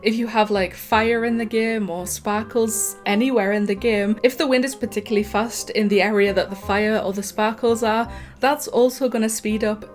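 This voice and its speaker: A woman's voice: on the high side, fairly even intonation, moderate pace, soft background music. A woman hosting a gaming channel, chatting casually with wry, mock-hyped joking over a close mic.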